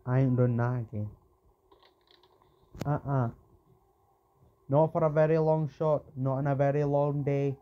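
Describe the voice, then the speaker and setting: A man's voice: medium pitch, fairly even intonation, unhurried, pauses often, muffled recording. A man giving let's play commentary, rambling and pleading with the game character as he plays. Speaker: gamer.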